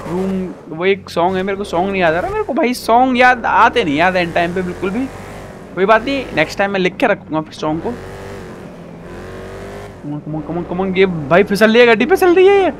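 An excitable man narrates his gameplay live, shouting at the screen and joking with viewers. His voice sits high and leaps up and down constantly. Car and game sounds run clearly behind him. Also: fairly quick, background noise. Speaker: gaming YouTuber.

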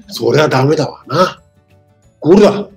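A man hosting a casual talk with students, teasing them in a rough, blunt way. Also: fairly high pitch, expressive, a little slow, faint music behind. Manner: brusque, teasing, rough-spoken. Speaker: free school counselor hosting a talk.

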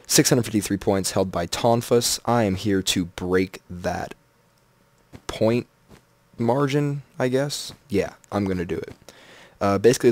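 A man's voice: deep voice, a little mellow, dry recording. A man giving casual, joking commentary as he plays through a game and reads its signs aloud. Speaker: Minecraft let's player.

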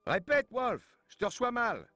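An actor playing a tough, irritable action hero in a video game, loud, urgent and commanding. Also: male voice, very high voice, very animated, normal speed, noisy background. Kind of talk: French video game dub acting.

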